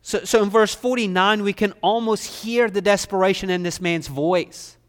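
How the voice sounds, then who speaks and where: A man's voice: high voice, moderate pace, clear, resonant tone. A man preaching an expository sermon, often quoting verses and acting out the people he describes. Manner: rising to emphatic pleading when voicing the official.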